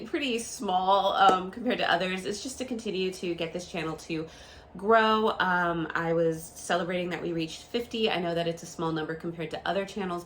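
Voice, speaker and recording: Her pitch sits fairly low and her tone is fairly bright, with slight hiss or hum on the recording. A book-channel host in her late thirties, she talks to camera in a chatty, rambling way, congested from a cold and full of ums and false starts.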